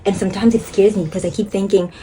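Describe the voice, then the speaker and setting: A woman's voice: mid-range voice, fairly even intonation, quick pace, dark tone, a little hiss or hum. A young woman chatting casually to a phone camera while doing her makeup, rambling and laughing often. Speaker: beauty and lifestyle vlogger.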